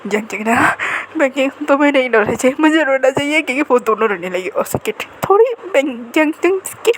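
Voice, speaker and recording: A woman's voice: high voice, slight background noise, poor audio. A woman casually narrating a fan-fiction romance story in a chatty, conversational way.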